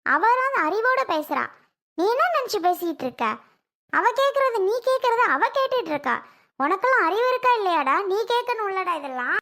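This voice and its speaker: A harsh, sharp-tongued mother, as a woman plays her in a family drama skit, scolding her family and demanding what she is owed. Her voice sits very high and bright, sharp and forceful. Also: very animated, normal speed, heavily acted.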